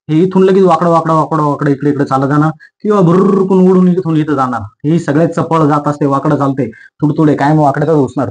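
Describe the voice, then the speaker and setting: Fast, lively man explaining. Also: a little high, low-quality recording. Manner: lively, folksy, repeats points, mimics insects. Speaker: farming channel host. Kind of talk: casual explainer for farmers.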